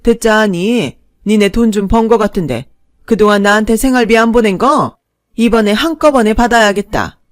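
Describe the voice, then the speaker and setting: A woman voicing a brazen old stepmother-in-law who talks loud, whining and accusing. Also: mid-range voice, moderate pace, dry recording, clean studio sound, natural voice. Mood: demanding.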